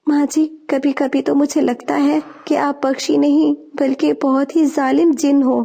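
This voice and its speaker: Cartoon sparrow bride voiced by a woman, timid, pleading, high, gravelly. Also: little pitch movement, warm tone. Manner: pleading, weary. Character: young female sparrow, weary, timid.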